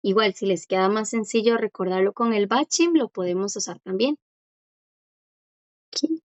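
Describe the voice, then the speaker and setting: A woman's voice: medium pitch, normal speed, no echo, highs cut off. A woman teaching a language class, explaining grammar patiently and often checking that students follow. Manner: patient, repeats key points and checks understanding. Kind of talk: online language lesson.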